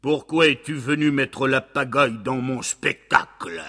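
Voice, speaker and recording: A man voicing a fat, frightening puppet master in a storybook, speaking with a gruff, stuffy ogre voice. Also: medium pitch, a little slow, sharp tone. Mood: menacing. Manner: gruff, threatening.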